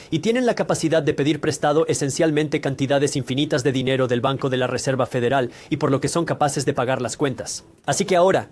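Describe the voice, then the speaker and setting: A man with a slightly high, darkish voice hosts a personal finance explainer, reading scripted educational narration straight to the viewer. He is didactic, setting things out step by step with examples.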